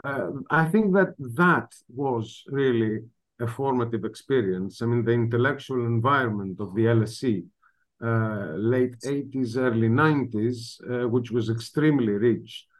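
A man's voice: medium pitch, measured pace. A middle-aged man with a Greek accent, a history professor giving a reflective interview answer. He hesitates often, with fillers and restarts. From northern Greece.

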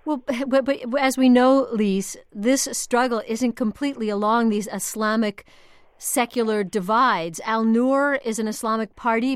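Clear, high-voiced woman hosting news. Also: no room sound. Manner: probing, summarising, conversational. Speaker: news programme host. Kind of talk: live news interview. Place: dry studio.

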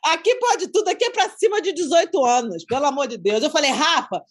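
A woman's voice: high-pitched, expressive, fast talker. A woman with a Brazilian accent chatting casually in a brash, teasing, sweary way. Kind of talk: casual chat.

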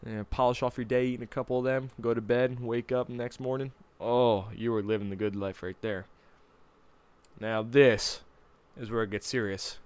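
A man's voice: mid-range voice, little pitch movement, moderate pace, darkish tone, smooth. Upbeat male podcast co-host, chatty and effusive, lots of fillers. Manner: enthusiastic, filler-heavy with lots of "like". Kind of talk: casual podcast chat. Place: studio.

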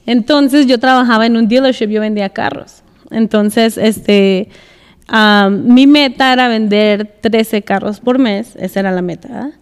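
A woman telling a story in a relaxed podcast chat, laughing often and slipping English words in. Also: fairly high pitch, unhurried, clean tone, in a large hall. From United States. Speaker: podcast guest, escaramuza rider.

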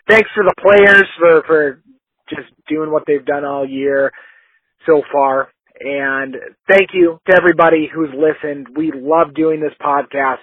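A man on a podcast, talking fast and emphatically with plenty of fire. His voice sits a bit high and sounds husky. It comes through a tinny, phone-like line with no room sound. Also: dry recording. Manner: fired-up, emphatic predictions. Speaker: podcast co-host. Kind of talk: sports podcast chat.

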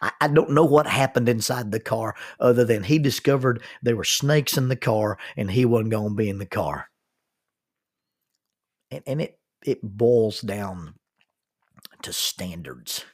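A man telling a folksy story in a sermon, unhurried and full of restarts. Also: lowish voice, breathy edge.

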